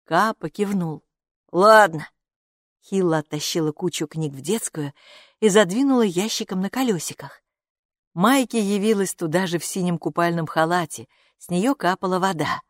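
A woman reading a children's book aloud with expressive storytelling. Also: lowish voice, moderate pace, no echo, studio quality. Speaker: audiobook narrator.

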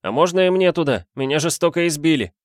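Male reader doing a high-voiced panicky fugitive, wailing, dry close sound. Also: expressive, quick pace, no room sound, natural voice. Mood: pleading. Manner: frantic, wailing, words tumbling out. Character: panicky young male fugitive, whiny and pleading.

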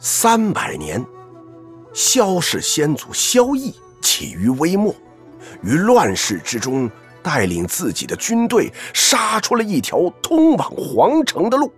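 An actor playing a wry, middle-aged assassin uncle in an audio drama, talking like a storyteller with lots of interjections. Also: male voice, high voice, huge pitch swings, slow pace, faint music behind, full character voice. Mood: storytelling. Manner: drawling, storyteller-like, peppered with interjections. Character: wry, theatrical older male assassin uncle, Su Zhe. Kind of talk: audio drama character acting.

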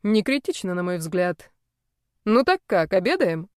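A woman's voice: lowish voice, very animated, a little slow, a little mellow, smooth, no echo, studio quality. A woman reading a smug, lazily amused young nobleman. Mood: coaxing. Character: teasing, self-assured young male nobleman. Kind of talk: audiobook character reading.

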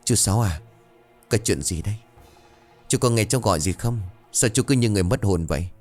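A man's voice: on the low side, expressive, brisk, darkish tone, soft background music, lightly acted. A man voicing a curious young adult nephew who asks questions in an earnest, pleading way.

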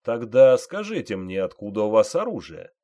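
A man voicing a stern male army sergeant who barks orders slowly and loudly, in an audiobook reading. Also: on the low side, big pitch swings, muffled recording. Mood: commanding. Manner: barking orders, loud and slow.

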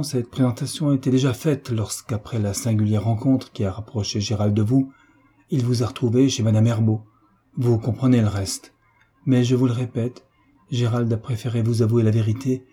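A man voicing an earnest young gentleman in an audiobook, explaining gently and earnestly. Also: mid-range voice, fairly even intonation, moderate pace, husky. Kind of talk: audiobook character reading.

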